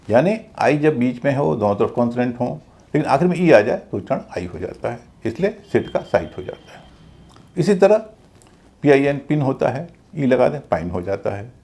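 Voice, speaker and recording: A man's voice: mid-range voice, gravelly, mellow. A man teaching English pronunciation in a video class, explaining rules step by step and repeating them with examples.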